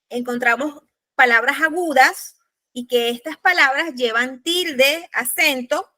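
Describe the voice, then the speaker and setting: A woman's voice: sits high, sharp tone, dry recording. A woman instructor giving a law-writing class, patiently spelling out examples. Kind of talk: lecturing on spelling rules.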